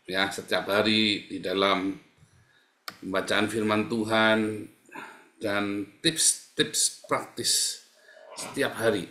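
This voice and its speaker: A man's voice: fairly low pitch, pushed and bright. Man preaching in an echoey room. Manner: preachy, repetitive, addresses listeners as "saudara". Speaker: pastor. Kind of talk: live-streamed sermon.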